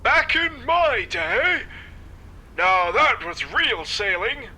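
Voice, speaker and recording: A man's voice: very high-pitched, very animated, extremely slow, sharp tone, breathy edge, exaggerated voice. A man playing a bossy, grumbling old sailor who mentors a rookie in a video game. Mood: grumbling, nostalgic. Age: older. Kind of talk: video game character acting.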